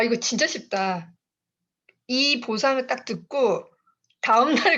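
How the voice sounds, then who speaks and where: A woman's voice: fairly high pitch, highs cut off. A woman giving a motivational talk at a sales team meeting, telling her own story in a chatty way, laughing often and addressing her listeners as bosses. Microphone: online video call.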